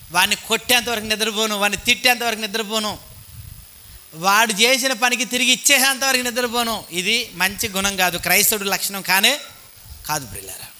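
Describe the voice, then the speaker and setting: A man's voice: high-pitched, pushed and bright. A man preaching a sermon to a church congregation with a Telugu accent, talking in a conversational way and asking his listeners questions as he goes. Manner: conversational, asks the congregation questions, mock-voices petty thoughts. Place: church hall. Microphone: cheap handheld microphone.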